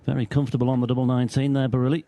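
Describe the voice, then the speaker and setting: A male lead commentator describes live darts in a measured way. His voice is medium in pitch and notably dark and relaxed in tone. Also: no room sound.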